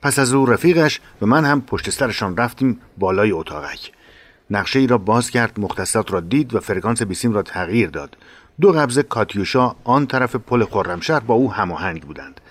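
A man narrating a war memoir in a measured, dramatic reading. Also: lowish voice, animated, no room sound.

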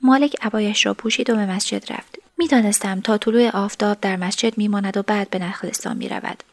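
A woman narrating a story in the first person, in a soft, sometimes whispered voice. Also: medium pitch.

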